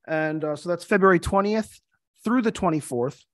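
A man's voice: sits high, normal speed, fairly bright tone, no room sound. A man, a city councilor, speaking at a council meeting in a friendly, slightly hesitant way. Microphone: table microphone.

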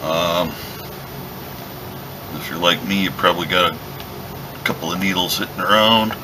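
At his workshop bench, a leatherworking instructor with a very deep voice walks through a craft job step by step as he works. His pace is moderate and his manner calm and relaxed, while a steady air conditioning hum is clearly audible in the background of this hands-on tutorial.

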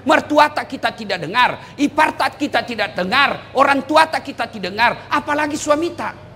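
A middle-aged male preacher from South Sulawesi with a Makassarese Indonesian accent, delivering a humorous sermon. His voice sits high for a man and he teases the crowd, often breaking into shouts. A faint hum of room noise lies under his speech. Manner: animated, teasing, rising to shouts. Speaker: Islamic preacher.

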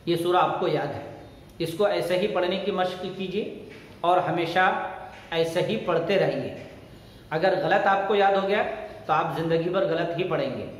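A male teacher leading a Quran recitation lesson, chanting verses slowly and then explaining quickly. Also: sits high, slight background noise. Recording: very echoey room with long reverb.

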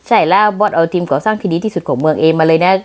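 A woman's voice: deep voice, racing, voice pushed down, natural voice. A woman voicing a dutiful male assistant who reports in a formal, matter-of-fact manner, in a manga dub.

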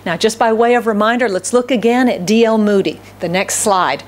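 Speaking briskly in a medium-pitched voice, a middle-aged American woman pastor delivers a loud sermon into a podium microphone in a church hall. She asks the congregation questions and keeps repeating her key phrases.

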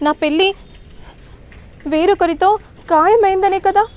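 A woman's voice: very high-pitched, steady tone, unhurried, darkish tone, voice pushed up. A woman voicing an anxious young woman torn between her lover and her father, speaking in a pleading, emotional way.

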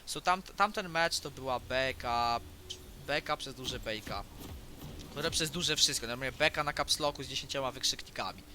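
Young gamer with a cold, sharp voice. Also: male voice, mid-range voice, moderate pace, a little hiss or hum. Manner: rambling, restarts sentences often. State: has a cold. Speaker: gaming YouTuber. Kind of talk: casual let's-play commentary. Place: home, indoors.

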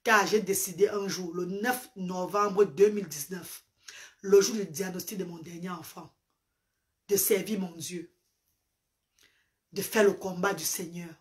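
On a sofa in a small indoor room, a woman who speaks Medumba, a live-stream host and parent advocate, delivers a fervent, preacherly social-media address to a close-range phone camera, repeating points emphatically. Her voice sits on the low side, steady and a little slow, with frequent pauses.

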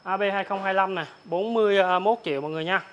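A young man with a southern Vietnamese accent giving an informal, repetitive hard-sell pitch as a motorbike salesman, reeling off prices for buyers. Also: racing, a bit bright. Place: large open-sided motorbike warehouse. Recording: clear ambient noise of open warehouse.

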